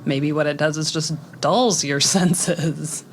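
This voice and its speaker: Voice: mid-range voice, fairly even intonation, takes it slowly, a little hiss or hum. A podcast co-host asking curious questions and reflecting thoughtfully in casual conversation.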